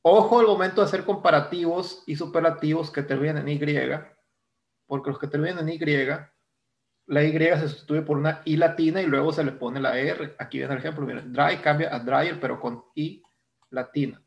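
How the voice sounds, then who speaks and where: A man's voice: fairly high pitch, moderate pace, creaky, dull audio. A male English teacher with a Mexican Spanish accent, explaining grammar step by step in a recorded lesson and checking in with "¿no?" as he goes. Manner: explains step by step, repeats terms, asks "¿no?".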